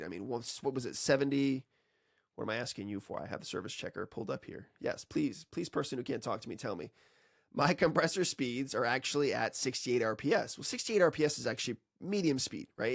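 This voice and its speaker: A man's voice: medium pitch, no echo, clean studio sound. A man teaching HVAC data analysis in a casual walkthrough, full of sarcastic jokes and playful asides. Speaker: HVAC instructor.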